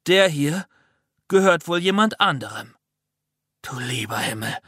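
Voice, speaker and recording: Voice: medium pitch, animated, measured pace, fairly bright tone, no echo. A reader voicing a stern, dismayed father in a children's audiobook, dry and stern.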